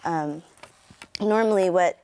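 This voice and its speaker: A woman's voice: lowish voice, slow, darkish tone, clear, resonant tone, rough recording. A middle-aged woman with a standard American accent, answering interview questions in a reflective, explanatory way. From United States. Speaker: interview guest, turntablist and sound artist.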